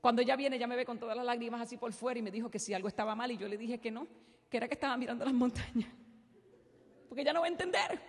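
A woman preacher delivering an impassioned sermon, moving between soft storytelling and loud exhortation. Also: fairly high pitch, rapid-fire. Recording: long hall reverb.

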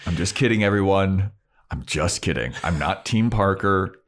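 A man's voice: sits low, expressive. A man casually recapping a TV episode with a co-host, swearing and acting out the characters' lines. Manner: laid-back, swears, acts out characters' lines in quick voices. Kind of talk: casual chat.

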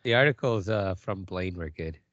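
Bright, low-voiced man on a podcast. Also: normal speed, no echo, muffled recording. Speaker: podcast co-host. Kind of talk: casual joking chat.

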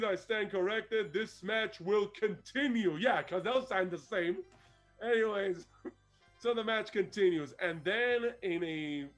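A man casually recapping an old wrestling show as podcast co-host, animated and laughing often. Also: high-pitched.

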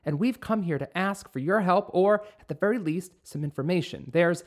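Young princess read by a man, polite and eager, pitched high. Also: normal speed. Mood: earnest.

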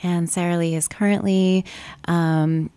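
Low-pitched woman host, dry close sound. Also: steady tone, unhurried, mellow, clear, resonant tone, no room sound. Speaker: radio show host. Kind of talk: unscripted interview hosting.

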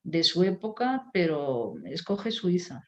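A woman's voice: lowish voice, very animated, takes it slowly, dull audio, crowd noise. A woman, a writer and critic, talking in a reflective way with many fillers and restarts. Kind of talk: conversational interview.

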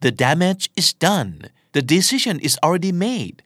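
Young man, playful English teacher, speaks Thai, lively up-and-down pitch, unhurried pace, dry close sound. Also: no echo. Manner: playful, switches between Thai explanation and acted English lines. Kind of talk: explaining English idioms in Thai with acted examples.

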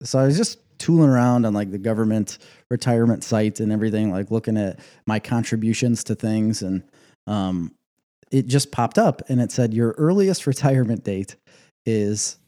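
A man's voice: medium pitch, warm tone. A man in his forties hosting a casual podcast chat, joking and rambling. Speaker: podcast host. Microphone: headset.

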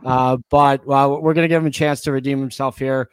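A man's voice: medium pitch, flat delivery, brisk, clear, resonant tone, no echo, studio quality. An American man hosting a casual sports podcast, emphatic and repeating phrases for effect. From United States. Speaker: podcast host.

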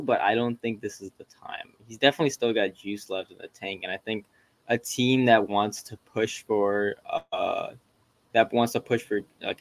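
A man's voice: fairly low pitch, dry recording. A man co-hosting a podcast, talking sports in a casual, conversational way. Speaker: podcast co-host.

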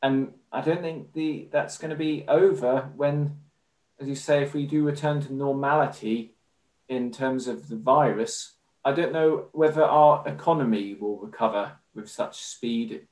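A man with an English accent, a podcast guest talking in a measured, formal way with many fillers. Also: mid-range voice, darkish tone. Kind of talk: conversational interview. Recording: roomy echo.

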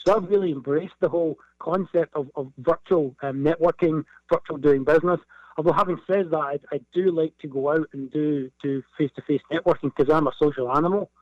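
A man with a broad Scottish accent talks as an interview guest in a fairly high voice. He chats conversationally and doubles back on words for emphasis. The sound is dry and a little dull, like a lo-fi call. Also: steady tone, fairly quick, dry recording. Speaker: business guest.

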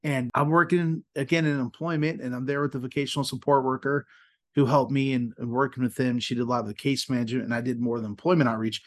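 A man in his thirties hosting a podcast, telling a story in a casual, animated way, laughing often and acting out what people said. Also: mid-range voice, quick pace. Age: 30s. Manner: animated, laughs often, acts out quoted lines. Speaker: podcast host.

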